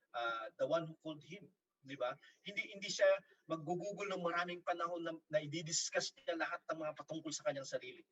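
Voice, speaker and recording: A man's voice: fairly high pitch, a bit bright. A man with a Filipino accent teaching a Bible sermon, often adding "di ba?" and switching into English. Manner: mixes English phrases, frequent "di ba?" asides. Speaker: preacher. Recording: distant mic, muffled lo-fi sound.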